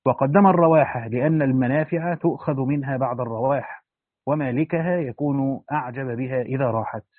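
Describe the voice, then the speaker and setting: A man's voice: mid-range voice, fairly quick, dry recording. A man gives a religious lesson, reading a Quran commentary aloud and adding plain spoken asides for his students. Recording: dry, thin phone-like line.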